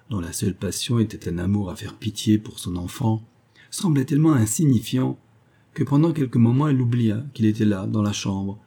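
A man narrating an audiobook of a classic novel in a measured, even reading. His voice is low and dark with a husky grain. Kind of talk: scripted literary narration.

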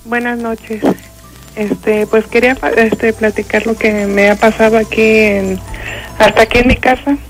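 An older woman with a Mexican accent, calling in to a radio show and haltingly telling a ghost story, full of fillers and restarts. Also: fairly high pitch, little pitch movement, faint music behind, poor audio. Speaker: caller.

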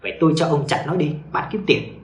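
A man voicing a stern, commanding old master who lectures calmly in a ghost story, with a lively voice in an echoey room. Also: on the high side, fairly quick, close to an everyday voice. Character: stern old male sword-wielding master.

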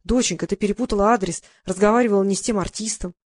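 A woman's voice: mid-range voice, very fast, a little mellow, no echo, clean studio sound, natural voice. A woman reading as a weary forty-something mother. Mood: evasive. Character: weary secretive 45-year-old mother.

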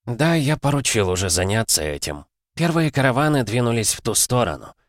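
A man's voice: mid-range voice, sing-song, a little fast, no room sound, studio quality, pitched above the performer's own voice, natural voice. A man voicing a stern old clan head who speaks in a grave, commanding way. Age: older.

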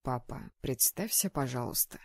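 A woman voicing a young male mage who speaks softly with gentle irony. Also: extremely low pitch, expressive, moderate pace, creaky, breathy edge, no echo, studio quality, voice pushed down, exaggerated voice. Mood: calm. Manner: soft, gently ironic.

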